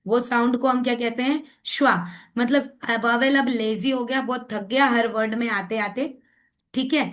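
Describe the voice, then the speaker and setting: A woman's voice: a little high, fairly even intonation, moderate pace, a bit bright. A woman, training teachers in phonics and patiently explaining, often checking that everyone follows. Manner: mixes Hindi and English. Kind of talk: online phonics training lesson.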